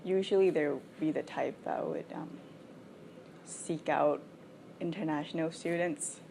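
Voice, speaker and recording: A young woman from Thailand talks candidly in an interview, her voice a touch low and mellow. She sounds frank and chatty, dropping "like" often as she explains herself. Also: a little slow, vocal fry, slight background noise. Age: 20s. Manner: frank and chatty, with frequent "like" fillers. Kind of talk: candid casual interview answers.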